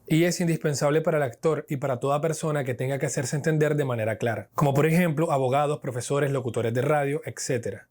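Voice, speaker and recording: Man teaching acting, fairly high voice. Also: a little mellow. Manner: didactic, addresses viewers directly with casual asides. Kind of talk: explanatory video lesson.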